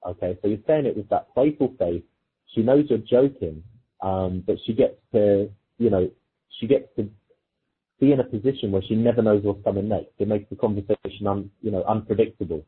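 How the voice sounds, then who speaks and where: A very husky, rough male voice comes through muffled, thin, lo-fi audio like a phone line. He's a dating coach speaking a little fast at a lowish pitch, explaining things informally and illustrating his points with quoted example exchanges.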